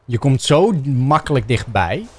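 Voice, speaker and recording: A young man with a Dutch accent giving excitable gameplay commentary, shouting and yelping playfully as he plays. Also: measured pace, slight background noise. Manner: shouty, playful, bursts into silly high yelps. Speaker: gaming YouTuber.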